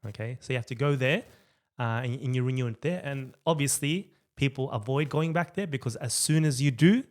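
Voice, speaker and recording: A man's voice: mid-range voice, fairly quick. A man in his thirties with an Australian accent, a guest chatting casually in an interview with many fillers and restarts. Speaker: guest, rights activist.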